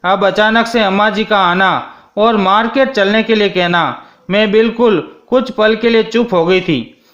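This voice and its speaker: A man narrating a first-person story in a steady, scripted reading. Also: sits high, a little slow. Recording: dull lo-fi sound.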